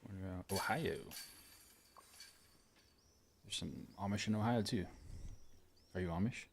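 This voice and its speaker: A man's voice: on the low side, a little slow, creaky, slight background noise. A young man from rural Illinois streaming a game, chatting casually with his viewers while he plays. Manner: chatty, talks to chat while playing. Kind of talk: casual gameplay commentary.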